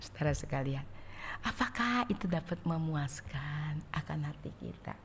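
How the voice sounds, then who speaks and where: A woman evangelist preaching a sermon in a church sanctuary, animated and acting out the people she describes. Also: low-pitched, moderate pace, a little hiss or hum. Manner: animated, acts out quotes, swings loud and soft. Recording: echoey church hall.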